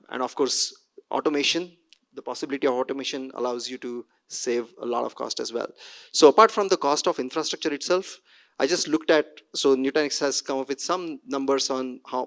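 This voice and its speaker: A man giving a short technical talk as a conference speaker. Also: medium pitch.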